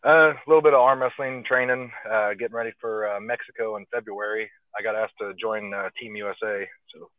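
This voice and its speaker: A man, an arm wrestler, explaining his training in a relaxed way with lots of fillers, speaking over a phone call. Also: fairly low pitch, fairly quick, few pauses, dry recording. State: slightly out of breath. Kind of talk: casual interview over phone. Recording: tinny phone line, dry.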